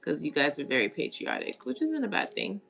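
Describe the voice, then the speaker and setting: Woman, lower voice with a gravelly edge, casual live-stream tarot host who chats with viewers. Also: wildly swooping pitch, brisk, a bit bright, soft background music. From United States. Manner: chatty, greets viewers and reads comments aloud. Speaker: tarot reader.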